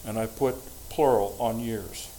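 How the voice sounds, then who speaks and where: An older man from the United States giving a prepared, formal statement to a school board, deliberate and emphatic. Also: on the low side, steady tone, warm tone, a little hiss or hum, poor audio. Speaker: public commenter at school board meeting.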